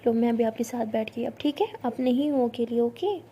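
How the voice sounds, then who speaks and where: Brief: woman doing a teasing, playful young woman, high mellow voice, hushed spooky storytelling and gentle soothing. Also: steady tone, moderate pace, husky.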